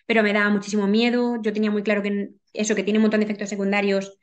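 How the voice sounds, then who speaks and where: A woman's voice: mid-range voice, level tone, rapid-fire. A woman telling a personal story as a podcast guest, earnest, with many restarts and repetitions.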